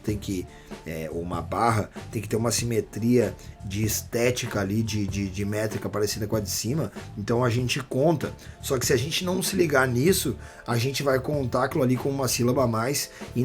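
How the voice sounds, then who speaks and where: Chatty Brazilian man teaching rap. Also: mid-range voice. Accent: Brazilian Portuguese. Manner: relaxed, chatty, slangy, with many fillers. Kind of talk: casual online lesson.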